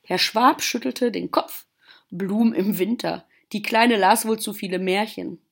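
A woman teacher reading a story aloud to her class in a gentle storytelling manner. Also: medium pitch, steady tone, measured pace, vocal fry. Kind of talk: storybook narration.

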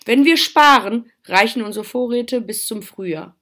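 A caring mother rabbit from a Christmas storybook, as a woman puts her on. She sounds bright and motherly. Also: fairly high pitch, animated, normal speed, pitched above the performer's own voice. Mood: warm.

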